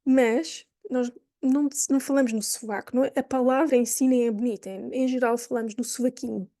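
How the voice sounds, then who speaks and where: A woman with a Lisbon accent explains a language point in a chatty, thinking-aloud way. Her voice sits a little high and sounds mellow, and the sound is dry and close. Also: fairly even intonation, a little fast, no echo. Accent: Lisbon Portuguese. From Portugal. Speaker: language teacher. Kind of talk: explaining lesson to camera.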